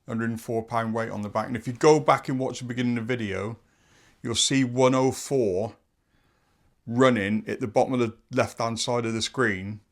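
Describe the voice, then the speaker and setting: A man's voice: mid-range voice, no room sound, clean studio sound. Chatty man reviewing a bike. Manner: chatty, enthusiastic, rambling. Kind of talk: casual video review. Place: outdoors on a bike.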